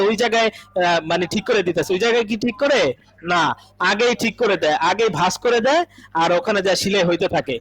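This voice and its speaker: Over a rough recording, a male Arabic teacher with a high, somewhat bright voice delivers an online lecture. He is patient, uses everyday examples, repeats phrases, and frequently asks if his students are following.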